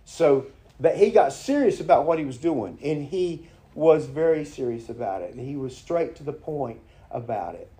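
Folksy preacher man, mellow voice. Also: a little high, animated. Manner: folksy storytelling, halting restarts. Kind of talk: informal sermon with prayer and anecdote.

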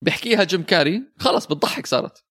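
Quick, laid-back man. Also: high-pitched, no room sound, clean studio sound. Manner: relaxed, laughs easily, mixes in English phrases. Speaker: podcast co-host. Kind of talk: casual film chat.

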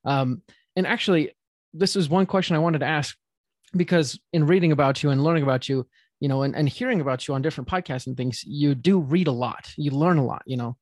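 A man hosting a podcast, asking thoughtful, halting questions in casual talk. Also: a little high, no room sound. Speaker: podcast host. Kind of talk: casual interview.

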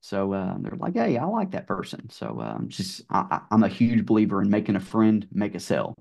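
Low-voiced man with a Southern drawl. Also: fairly quick, gravelly. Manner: relaxed, storytelling with fillers. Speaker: guest, car sales manager. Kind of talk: casual podcast conversation.

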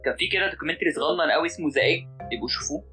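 A man's voice: on the high side, very fast, sharp tone. A man with an Egyptian accent in casual chat, musing philosophically and often restarting his sentences, with music playing underneath.

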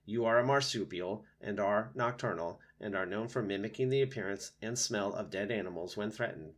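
A man's voice: on the low side, fairly bright tone. Man as a stilted, polite female robot. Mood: matter-of-fact. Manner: stilted, measured, overly formal. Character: polite, gentle female robot, formal and naive. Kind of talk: storybook read-aloud voice.

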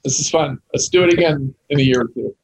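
A middle-aged or older man chatting casually as an interview guest, with a gravelly, raspy voice. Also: on the high side, quick pace, poor audio. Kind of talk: casual chat.

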